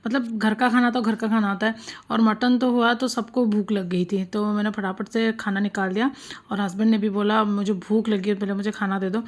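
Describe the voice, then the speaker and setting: A woman in her thirties, a mother and homemaker, chatting casually through a home vlog voice-over, amused and full of fillers. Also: mid-range voice. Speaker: vlogger.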